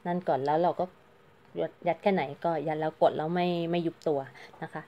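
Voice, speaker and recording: A woman's voice: deep voice, fairly even intonation, a little fast, highs cut off. A woman giving a casual, chatty crochet tutorial, counting stitches aloud and explaining each step politely. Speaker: crochet teacher.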